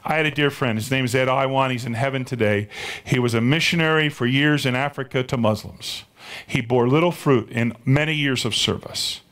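A man's voice: medium pitch, fairly quick, fairly bright tone. A middle-aged male pastor preaching a sermon, telling the story and asking the congregation rhetorical questions.

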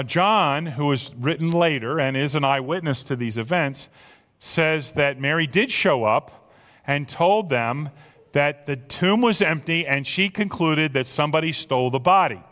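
A man preaching an Easter sermon as pastor, impassioned, swinging from loud emphasis to hushed near-whispers. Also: fairly high pitch. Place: church sanctuary. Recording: long reverb of a church hall.

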